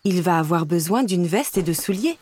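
A woman voicing a gentle, kind young woman in a storybook reading, in a soft, lifted voice. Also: on the low side, expressive, moderate pace, a little hiss or hum, close to an everyday voice.

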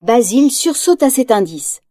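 A woman narrating a children's storybook aloud, lively and expressive. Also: on the high side, unhurried, no echo, studio quality. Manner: lively, acts out quotes in raised voice.

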